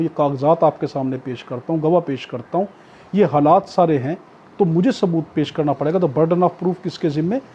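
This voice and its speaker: A man with a Pakistani accent and a high, mellow, husky voice gives an exam-prep law lecture with worked examples. He repeats key points and keeps checking that students follow, on dull lo-fi audio.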